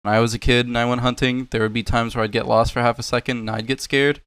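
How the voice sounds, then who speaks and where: A man's voice: medium pitch, flat delivery, fast talker, fairly bright tone, clear, resonant tone, dry recording. A young man giving sarcastic, profane reaction commentary on paranormal videos, laughing and mocking as he goes. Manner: mocking, swears a lot, laughs at clips.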